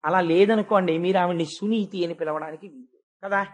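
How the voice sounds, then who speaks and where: Expressive man telling a devotional story. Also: high-pitched. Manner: expressive, swings from hushed to emphatic, slows for stress. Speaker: devotional discourse speaker.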